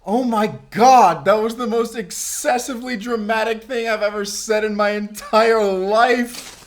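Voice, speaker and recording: In an intimate, cinematic audio roleplay, a man plays a mysterious vampire slayer, earnest yet wryly awkward, confiding casually in a one-sided dialogue. He sounds amused and teasing. His voice is high, with fairly even intonation and a measured pace.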